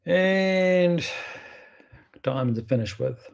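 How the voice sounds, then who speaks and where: A man's voice: high voice, animated, slow, gravelly, a little mellow. Man with a broad Kiwi accent. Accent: strong New Zealand. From New Zealand. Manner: informal, rambling, self-correcting. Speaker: bridge player presenting his own videos. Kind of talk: casual thinking-aloud game commentary.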